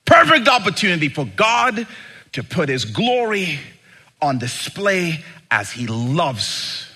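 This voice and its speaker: A man's voice: a little high, very animated, slow, bright, forceful tone, husky. A man preaching an impassioned sermon in the style of a rally speech, with emphatic rhetorical questions and dramatic swings between restraint and full force.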